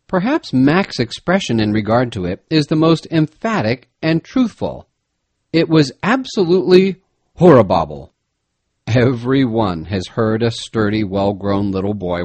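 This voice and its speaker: Husky, expressive male storyteller. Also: mid-range voice, dry recording. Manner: expressive, emphatic reading. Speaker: audiobook narrator. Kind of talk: first-person storybook narration.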